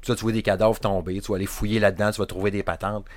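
A young man with a Saguenay Quebec French accent chatting casually about video games as a podcast co-host, animated and rambling, with plenty of restarts. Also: lowish voice, racing, no room sound. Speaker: podcast co-host, game reviewer. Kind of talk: casual chat.

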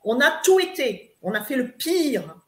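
High-voiced woman coach in echoey room. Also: sing-song, measured pace, fairly bright tone. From eastern France. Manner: emphatic, lecturing, with many fillers and restarts. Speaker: spiritual coach guest. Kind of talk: live advice talk. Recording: roomy echo.

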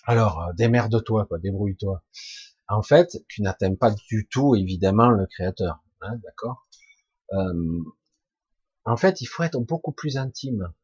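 A man with a husky, rough voice giving an informal spiritual talk to online listeners, halting yet emphatic, in colloquial, earthy wording. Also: fairly low pitch, animated, a little mellow, no room sound, highs cut off. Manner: halting and emphatic, with colloquial swearing and sound-effect words. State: coughing now and then. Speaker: spiritual teacher answering listeners' questions live.

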